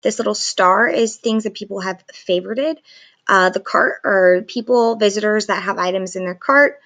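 This is a screen recording with webcam: a photographer, a woman in her thirties, walks through and reviews software in a relaxed way. She talks at a moderate pace and medium pitch, though her sore throat makes speaking painful. Her phrasing is loose and full of "likes."

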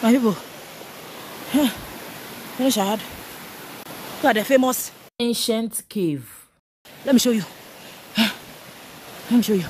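A woman's voice: a little high, measured pace, pauses often, a little mellow, slight background noise. A young woman with a Ghanaian English accent, out of breath as she narrates a casual travel vlog while hiking outdoors, exclaiming and cheering herself on, filmed on a handheld camera. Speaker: vlogger. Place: outdoors on a hiking trail by a waterfall.

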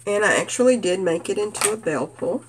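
A woman from Kentucky with a cold and a nasal voice, chatting gently about her stitching projects with many "uh" fillers. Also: mid-range voice, animated, slight background noise. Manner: gentle, unhurried, frequent "uh" fillers. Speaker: stitching vlogger. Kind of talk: casual show-and-tell chat.

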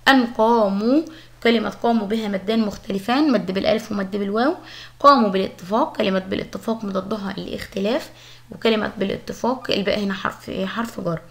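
A woman's voice: medium pitch, quick pace, creaky, a bit bright. A young Egyptian woman teaching a primary school lesson, patiently explaining and asking questions that she answers herself. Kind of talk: recorded Arabic lesson for young pupils.

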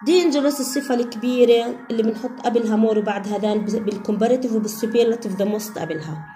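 A woman with a Levantine Arabic accent teaching an English grammar lesson, slowly repeating each English word and giving its Arabic meaning. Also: a little high, mellow, faint music behind.

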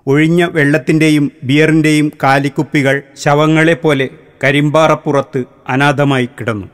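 A man reading a literary short story aloud in a measured, deliberate narration. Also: a little high. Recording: long hall reverb.

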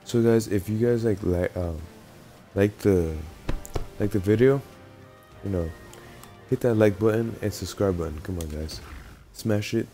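A man's voice: on the low side, unhurried, pauses often, mellow, faint music behind. A young man casually talking over his online shooter gameplay, rambling and laughing often as he plays. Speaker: gaming YouTuber.

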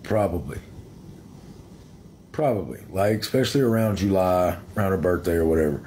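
Brief: man, late thirties, lowish voice, rambling live-chat delivery, phone close up, faint hiss. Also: a little mellow. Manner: halting, repeats himself, talks straight to viewers. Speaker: livestreamer answering viewers. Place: small room indoors. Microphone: phone held close.

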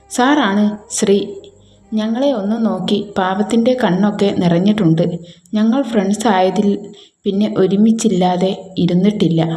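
A woman's voice: mid-range voice, warm tone. A woman telling a casual first-person story, chatting to her listeners and acting out every character's lines herself. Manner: chatty, addresses listeners as children, acts out all characters' dialogue. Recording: roomy echo with faint background music.

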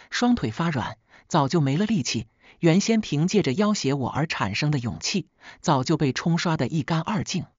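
A woman narrating a scripted first-person story in a steady, sharp-tongued way. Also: low voice, husky, dry recording, muffled recording.

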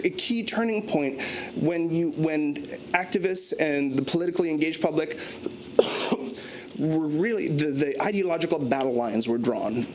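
Recorded on a lapel mic with slight background noise and low audio quality, a fairly high-pitched man in his thirties discusses a research paper on a conference panel. A native English speaker standing before a banner in a conference room, he's thoughtful, gestures a lot, and frequently restarts and uses fillers.

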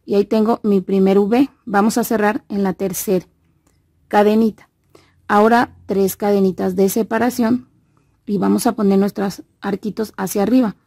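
In a clean, dry studio recording, a Mexican woman from Veracruz hosts a casual crochet tutorial in a warm, medium-pitched voice. She keeps a steady tone and normal speed. Since a molar extraction she speaks with a slight lisp, as though her mouth were full.

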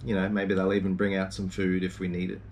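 A man's voice: deep voice, completely flat delivery, fast, a little mellow, far from the mic, a little hiss or hum. A man in his forties giving a casual, rambling video update with lots of ums and uhs, recorded from a boat cabin on a camera mic. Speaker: sailing vlogger. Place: small boat cabin, indoors.

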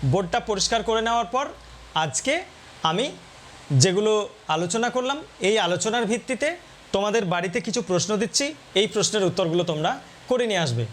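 Man, high voice, Bengali accent, slow deliberate teaching, faint room noise. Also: lively intonation, a bit bright. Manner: slow and deliberate, spelling out sounds one by one. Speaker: teacher coaching exam candidates. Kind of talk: explaining a demo class lesson.

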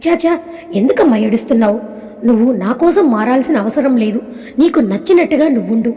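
A woman voicing a troubled young husband who speaks gently and coaxingly. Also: a little high, expressive, brisk, lightly acted. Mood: gentle. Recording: long reverb.

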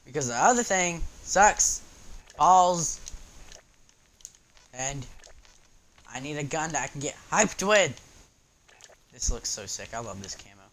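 Excitable man yelling over gameplay. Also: fairly high pitch, slow pace, pauses often. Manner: excitable, yelps and laughs while playing. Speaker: gaming YouTuber. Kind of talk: live gameplay commentary.

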